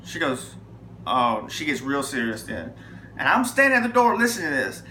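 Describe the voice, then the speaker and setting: A man's voice: medium pitch, moderate pace, a little hiss or hum. A man telling a personal testimony, emphatic and storytelling. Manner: emphatic, lively storytelling with acted quotes. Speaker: testimony speaker. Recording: echoey room with faint ambience.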